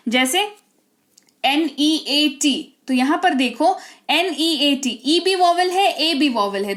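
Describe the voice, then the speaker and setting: A woman, an English teacher explaining pronunciation rules step by step and often checking that her students follow. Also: sits high.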